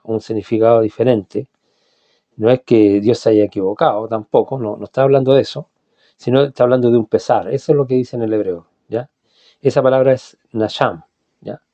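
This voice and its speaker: A man's voice: medium pitch, steady tone, normal speed, dark tone, dry recording, lo-fi sound. A man giving a teaching sermon, explaining patiently and often checking in with his listeners. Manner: explanatory, repeats words and checks with "¿ya?". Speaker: Bible teacher.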